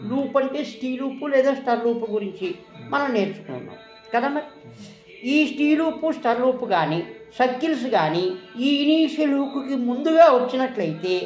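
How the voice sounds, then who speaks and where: A woman's voice: on the high side, echoey room. A woman teaching a shorthand lesson, quizzing her listeners with questions and then answering them herself. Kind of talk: classroom lesson.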